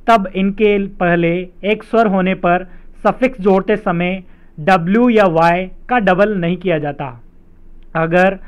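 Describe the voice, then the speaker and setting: High, smooth-voiced man teaching a lesson. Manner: explains rules slowly, repeats them with examples. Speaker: English teacher. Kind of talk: spelling lesson explained step by step. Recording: dull lo-fi sound.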